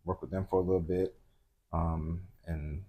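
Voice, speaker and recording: Laid-back deep-voiced man, husky. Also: little pitch movement, moderate pace, mellow. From Atlanta. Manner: laid-back, full of fillers like um and you know. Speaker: guest. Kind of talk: casual interview chat.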